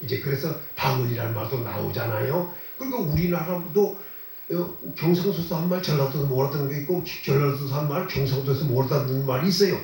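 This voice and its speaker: A man's voice: mid-range voice, fast talker, a little mellow. Man preaching in a very echoey hall. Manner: conversational preaching with rhetorical questions; repeats phrases for emphasis. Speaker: pastor. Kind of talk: sermon. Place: church sanctuary. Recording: very echoey and distant from the mic.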